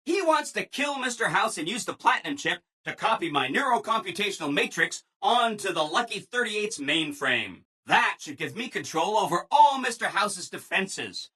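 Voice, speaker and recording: A man's voice: sits high, pushed and bright, breathy edge, full character voice. A man voicing a relentlessly cheerful, eager-to-please robot assistant in a video game, with chirpy, over-agreeable salesman enthusiasm. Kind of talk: video game character voice lines.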